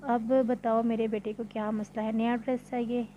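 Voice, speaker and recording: A woman's voice: on the high side, flat delivery, normal speed, dull audio, slight background noise, natural voice. A woman doing a doting, indulgent rich father. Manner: indulgent, soothing. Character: doting wealthy middle-aged father.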